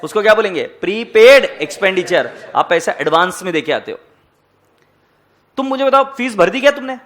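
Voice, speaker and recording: A man's voice: sits high, animated, normal speed, a bit bright. A man lecturing a class on accounting, teasing the students, asking them questions and mixing Hindi with English.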